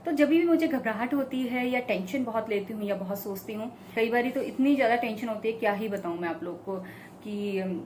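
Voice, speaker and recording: A young woman talking casually to her viewers, telling a personal story in a chatty, animated way. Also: fairly high pitch, brisk, slight background noise. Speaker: vlogger. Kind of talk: casual talk to camera.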